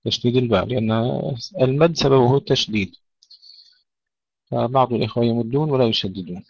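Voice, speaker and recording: A man teaching tajweed, slowly chanting verses and then explaining pronunciation points in quick remarks. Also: medium pitch, creaky, a little mellow, breathy edge, no echo, dull audio. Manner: slow melodic Quran recitation alternating with quick explanatory remarks. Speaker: Quran recitation teacher.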